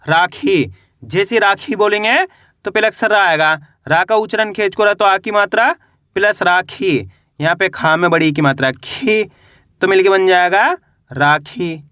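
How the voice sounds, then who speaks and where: A man teaching a beginners' Hindi reading lesson, spelling words slowly syllable by syllable and asking the class to repeat. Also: sits high, pushed and bright, clean tone, dry recording, studio quality. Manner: addresses viewers as friends.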